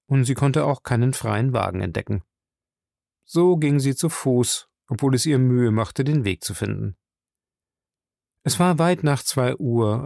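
Ein Mann liest einen Roman als Hörbuch, gemessen und ausdrucksvoll. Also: male voice, mid-range voice, vocal fry, warm tone, no echo, studio quality. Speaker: audiobook narrator. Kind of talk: scripted narration.

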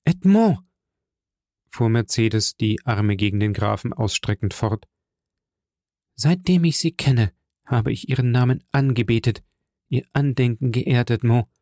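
A man's voice: unhurried, pauses often, dark tone, no echo, clean studio sound, natural voice. A man reading an audiobook, voicing a grieving noblewoman who pleads for her son, in a raised, strained voice. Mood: pleading. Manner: pleading, impassioned, high strained voice.

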